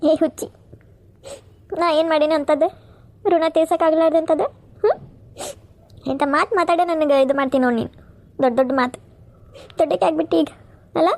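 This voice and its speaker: A woman's voice: high-pitched, steady tone, brisk, long pauses, darkish tone, voice pushed up. Motherly big sister voiced by a woman, firm and coaxing. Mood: caring. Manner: coaxing, then firm and scolding. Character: caring protective elder sister, firm and motherly.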